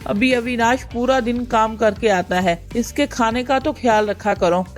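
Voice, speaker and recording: A woman voices a middle-aged mother in an animated storybook who scolds and bosses her grown daughter like a stern mother-in-law. Her voice sits somewhat high, and faint music plays behind her. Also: unhurried, lightly acted. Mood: scolding. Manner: scolding, bossy.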